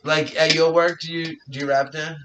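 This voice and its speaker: A man's voice: fairly high pitch, little pitch movement, normal speed, far from the mic, background noise. A man hosting a podcast in casual chat, rambling and swearing with lots of fillers. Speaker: podcast host.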